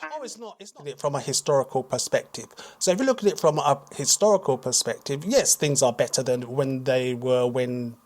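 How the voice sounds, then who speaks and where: A British man speaking as a guest author on a radio talk show, explaining in a measured way and repeating words as he thinks. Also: medium pitch, expressive, a little mellow. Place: radio studio.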